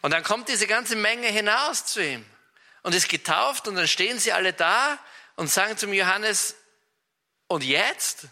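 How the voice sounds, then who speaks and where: Austrian male preacher; unhurried, chatty Bible retelling, slightly high and bright voice. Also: animated. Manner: chatty, addresses listener directly. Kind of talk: casual retelling of a Bible story.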